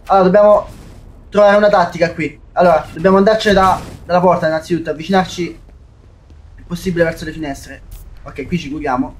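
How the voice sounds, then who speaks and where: In a let's play of a shooter, a young gaming YouTuber from Italy chats with his audience as "raga," cursing and sounding jumpy. His voice is fairly high, and faint game noise and gunfire can be heard behind it.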